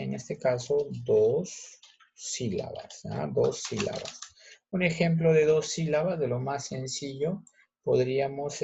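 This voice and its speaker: A male teacher patiently explaining a grammar lesson step by step, checking in with students with quick questions. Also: mid-range voice, vocal fry, warm tone, a little hiss or hum. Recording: muffled lo-fi recording.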